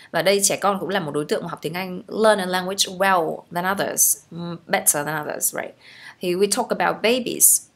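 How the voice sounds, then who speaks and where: A young woman teacher with a Vietnamese accent walks through English phrases one at a time. Her voice sits a little low for a woman, and she keeps checking in with her students as she explains each one. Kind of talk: language lesson explaining phrases.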